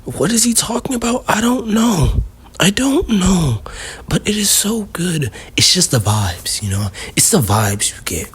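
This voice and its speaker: A video host with a medium-pitched, slightly breathy voice runs a casual countdown video, rambling along and leaning heavily on fillers like "you know."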